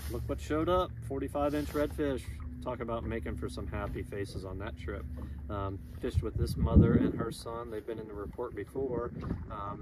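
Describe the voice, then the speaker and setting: A man in his thirties with a Florida accent, a fishing guide giving a relaxed, upbeat fishing report from a small boat, with lots of "um"s. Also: medium pitch. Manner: relaxed, chatty, upbeat, many "um"s. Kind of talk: casual monthly fishing report to camera. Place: outdoors on a small boat on a lagoon. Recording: loud wind and water noise on outdoor mic.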